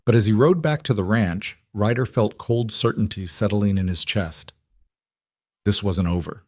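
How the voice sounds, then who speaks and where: A man narrating a western romance story in a measured, even storytelling manner. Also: on the low side, dry recording, studio quality. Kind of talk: scripted audiobook narration.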